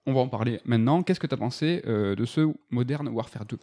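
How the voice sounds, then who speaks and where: A man's voice: medium pitch, brisk, dark tone. A man hosting a casual gaming podcast, chatty and full of hesitation fillers. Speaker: podcast host.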